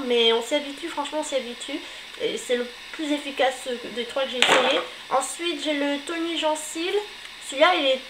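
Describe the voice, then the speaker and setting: Woman vlogger, high voice, blunt hesitant review, echoey room. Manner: chatty, hesitant with frequent fillers; blunt verdicts. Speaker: beauty vlogger. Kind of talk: casual product review. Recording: echoey room with noticeable background noise.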